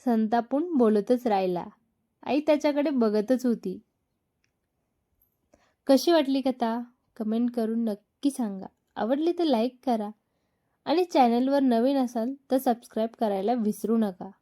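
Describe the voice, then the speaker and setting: A woman narrating a romantic story in a calm, measured storytelling manner. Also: on the high side.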